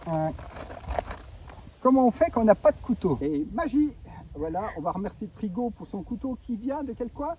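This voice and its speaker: A man's voice: high voice, sing-song, normal speed, darkish tone, slight background noise, poor audio. A man doing a casual unboxing review of a ration pack, explaining each item step by step and giving safety warnings. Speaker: gear reviewer.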